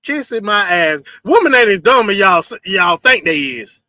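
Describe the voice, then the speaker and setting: A man's voice: high-pitched, big pitch swings, normal speed, no room sound. A man hosting a casual livestream, commenting emphatically on a video and repeating his phrases. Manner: loud, emphatic, repeats phrases and laughs often. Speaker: host reacting to a video.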